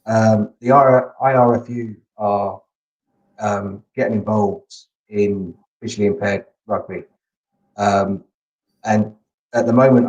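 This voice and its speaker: Lowish-voiced enthusiastic man chatting. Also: darkish tone, rough recording. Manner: enthusiastic, earnest. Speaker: guest, visually impaired rugby player. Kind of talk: casual interview chat.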